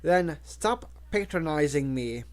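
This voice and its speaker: A man voicing a haughty, indignant male talking parrot with a British-sounding voice, slow and pompous. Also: a little high, animated. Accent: British-sounding, as voiced in the story.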